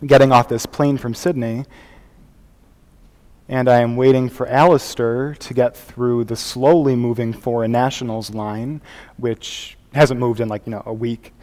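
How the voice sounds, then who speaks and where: In a live contest recording from an echoey hall, a young adult high school speech performer plays an earnest performance artist in a dramatic interpretation monologue before an audience. His medium-pitched, darkish voice sits close to everyday speech, and his mood is wryly storytelling. He's theatrical but conversational, using dramatic pauses.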